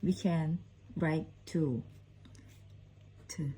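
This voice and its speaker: A woman gives a casual short lesson, very slowly, repeating each sound several times. Her voice is low, mellow and dark, with a husky edge. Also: poor audio. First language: Lao. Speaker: language teacher.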